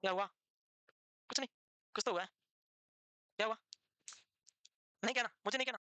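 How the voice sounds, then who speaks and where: A woman's voice: a little high, moderate pace, sharp tone, dry recording, low-quality recording. A woman teaching a classroom lecture for nursing exam prep. She quizzes students, answers her own questions and scolds them with teasing banter.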